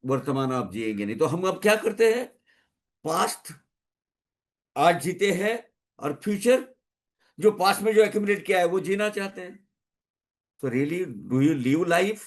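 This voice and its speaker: A man speaks at a devotional gathering in a measured, unhurried way, his voice sitting somewhat high for a man. He drives his teaching home by repeating key phrases and mixes English phrases into his speech. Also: expressive. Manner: emphatic, repeats phrases for stress. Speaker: satsang speaker. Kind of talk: spiritual discourse.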